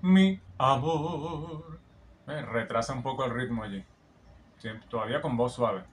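Faint music sits behind a man's brisk, mid-range, fairly bright voice as he reacts to a singer as a vocal coach. He explains technique with clear admiration, often singing snippets back to show what he means.

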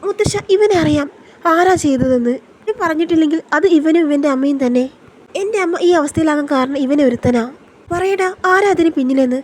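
Woman reading a raging young man from a soap recap, high and snapping. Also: animated, brisk. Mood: furious. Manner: shouting demands and threats. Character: furious young man confronting his cousin.

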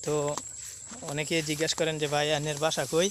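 A man's voice: on the high side, little pitch movement, fairly quick, background noise. A man from Mymensingh with a Mymensingh Bengali accent, walking outdoors by fields and a dry canal and chatting casually to a phone camera, repeating himself and mixing dialect with standard speech. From Mymensingh, Bangladesh. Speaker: vlogger.

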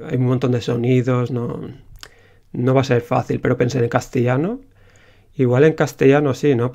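A man's voice: mid-range voice, darkish tone. A young man with a Spain Spanish accent, an indie game developer telling casually how he made his game, rambling with many fillers.

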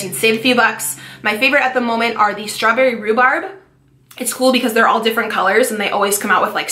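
Fast, chatty fitness vlogger woman. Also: on the high side, sharp tone, reverberant. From California. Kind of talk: casual product-review vlog.

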